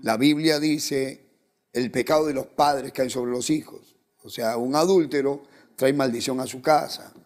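A man's voice: medium pitch, fairly even intonation, a little slow, a little mellow. A man with an Ecuadorian Spanish accent, a pastor leading a church testimony interview in a preacherly way, quoting scripture and guiding his guest.

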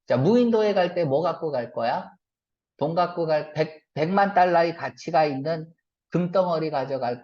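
Lively male teacher in a lecture. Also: on the high side. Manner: asks the class quick questions and answers them himself; mixes casual and polite speech. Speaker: English reading teacher. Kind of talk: classroom lecture. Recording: dull lo-fi lecture recording.

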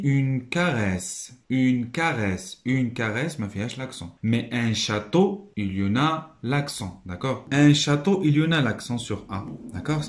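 A man with a Moroccan accent teaching a primary school lesson. He says each word slowly and stresses it, then explains in quieter asides. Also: fairly low pitch, roomy sound. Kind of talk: classroom lesson walkthrough.

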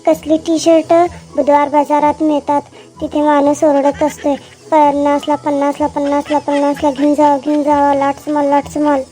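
A woman's voice: high-pitched, completely flat delivery, normal speed, mellow, faint music behind, lightly acted. A woman voicing a scornful young village man in a cartoon comedy, taunting and belittling his friend. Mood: mocking.

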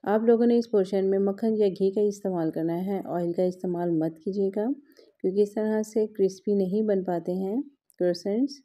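Woman with a dark mellow voice, patient cooking host. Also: medium pitch, fairly even intonation, moderate pace. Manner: patient, explains each step while working with her hands. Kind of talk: step-by-step cooking instruction. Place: home kitchen counter.

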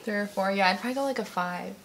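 A woman's voice: medium pitch, racing, vocal fry, rough recording. Young woman, American accent, casual vlog chat, lots of "like", faint background hiss. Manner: chatty, many "like" fillers, laughs easily. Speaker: vlogger. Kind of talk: casual taste-test chat.

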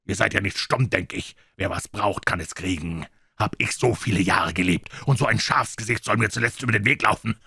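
A man reading an audiobook, voicing a menacing old pirate cook who bellows his threats gruffly. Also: fairly low pitch, brisk, sharp tone, no room sound, clean studio sound, full character voice.

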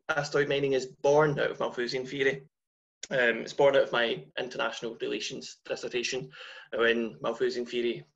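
A man in his twenties with a broad Scottish accent giving an online lecture in a deliberate, emphatic manner over a video call. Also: medium pitch, creaky, fairly bright tone. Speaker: guest lecturer, company founder. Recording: dull lo-fi video-call audio.

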